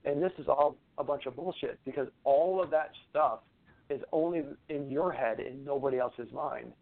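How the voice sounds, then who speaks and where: A man in a relaxed interview, talking at an everyday middle pitch. He rambles and repeats himself and drops in a swear now and then. His voice comes over a thin, phone-like line. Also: moderate pace, vocal fry. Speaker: guest, natural medicine practitioner. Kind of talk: conversational interview talk.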